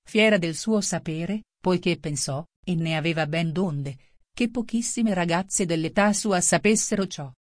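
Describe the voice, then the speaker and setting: Brief: woman audiobook narrator, low-pitched, even storybook reading. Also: no echo, clean studio sound.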